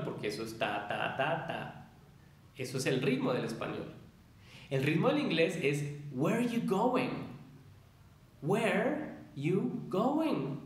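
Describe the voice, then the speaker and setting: Teacher type, male, fairly high voice, patient explainer who sings rhythm syllables to make a point. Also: reverberant. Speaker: English teacher. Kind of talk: video lesson on English pronunciation.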